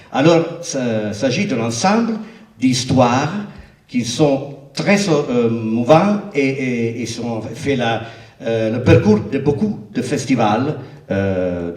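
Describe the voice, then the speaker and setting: A man from Italy with a foreign, Italian accent in French, speaking haltingly and searching for words as he introduces a film programme as guest curator. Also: mid-range voice, a little mellow. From Italy, Naples area. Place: cinema auditorium before an audience. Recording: echoey hall, distant microphone.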